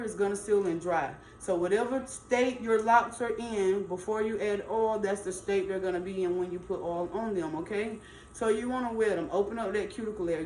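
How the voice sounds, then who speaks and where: A middle-aged woman speaks in with an average pitch. She chats casually and emphatically, like a folksy stylist giving advice, circling back to stress her points. The room echoes around her voice, with faint noise behind it. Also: darkish tone. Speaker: natural hair stylist. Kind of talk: casual chatty advice to camera. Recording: roomy echo, faint background noise.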